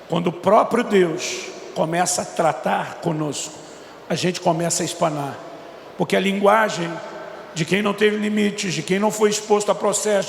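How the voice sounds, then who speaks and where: High, gravelly-voiced pastor in echoey church. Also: male voice, a little hiss or hum. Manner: animated storyteller, voices quotes of himself and his son. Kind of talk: sermon with acted-out dialogue. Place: large church hall. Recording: echoey church hall with reverb.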